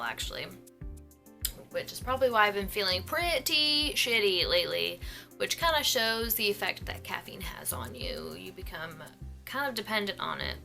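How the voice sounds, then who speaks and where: A woman's voice: medium pitch, sharp tone. A young woman chatting casually to camera at home in a rambling, self-deprecating way, with lots of fillers. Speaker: vlogger.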